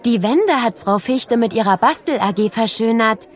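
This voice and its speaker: Brief: woman voicing cheerful third-grade girl in an audiobook, high and lively, bubbly. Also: normal speed, close to an everyday voice. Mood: eager. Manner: eager, bright and bubbly. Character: chatty cheerful schoolgirl guide, third grader.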